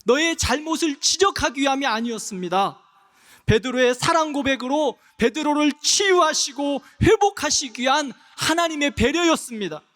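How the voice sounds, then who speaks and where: A male pastor preaching a sermon in a church, passionate, dropping soft and rising loud, slowing on key phrases. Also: very high-pitched, animated. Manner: impassioned, swings between soft and loud, slows on key phrases. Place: church sanctuary. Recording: long hall reverb.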